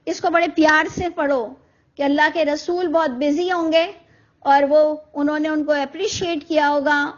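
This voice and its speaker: Impassioned high-voiced woman teaching Quran. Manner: impassioned, scolding, rhetorical questions. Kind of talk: Urdu Quran lesson. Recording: dull lo-fi recording.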